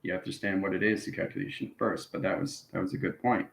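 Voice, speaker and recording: With a low, steady, gravelly voice and a fast pace, a spiritual channel host lectures viewers on esoteric matters without a script. He repeats instructions and checks in with quick okays and rights, and the recording has a roomy echo.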